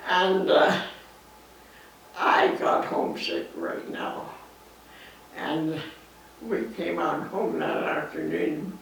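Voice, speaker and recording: A woman in her nineties with a Canadian accent, reminiscing in an interview in a halting way, pausing mid-sentence. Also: low voice, steady tone, vocal fry. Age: 90s. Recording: echoey, distant mic, faint noise.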